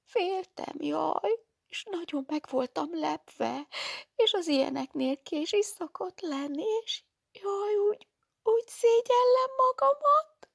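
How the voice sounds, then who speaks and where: A woman's voice: medium pitch, creaky, breathy edge, dry recording, studio quality, pitched above the performer's own voice. A woman voicing a frightened young girl, a convent school candidate, who speaks breathlessly and stammers. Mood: ashamed.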